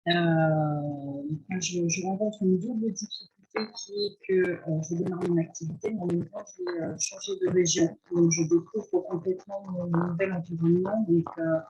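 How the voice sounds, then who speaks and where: A woman's voice: on the low side, moderate pace, dark tone. A woman speaking on a group video call over a crackling connection that keeps breaking up, talking hesitantly with many fillers. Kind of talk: casual chat. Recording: muffled lo-fi internet call.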